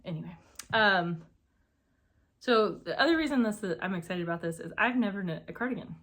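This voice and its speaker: A woman's voice: medium pitch, expressive, a little fast, a bit bright. Chatty woman hosting a knitting vlog. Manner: chatty, rambling, many fillers and asides. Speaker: knitting podcast host. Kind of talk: casual chat.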